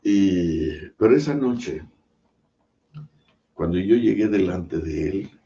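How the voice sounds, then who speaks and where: A male pastor tells a story from the pulpit at a slow, deliberate pace, pausing for effect. His voice is low and mellow. The recording is dull and heard from some distance away. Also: lively intonation, slight background noise. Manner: slow, earnest storytelling with dramatic pauses. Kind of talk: sermon storytelling.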